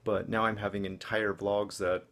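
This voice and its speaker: Low, creaky-voiced man vlogging casually. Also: flat delivery, moderate pace, a bit bright. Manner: conversational, rambling, self-deprecating. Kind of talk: casual vlog update to camera.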